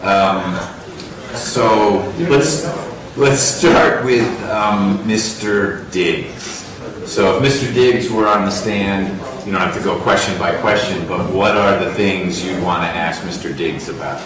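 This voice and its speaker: A man presiding as judge over a court hearing, speaking in a measured, wry way with halting fillers. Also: low-pitched. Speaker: trial judge. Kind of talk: courtroom proceedings. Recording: distant roomy courtroom audio with noise.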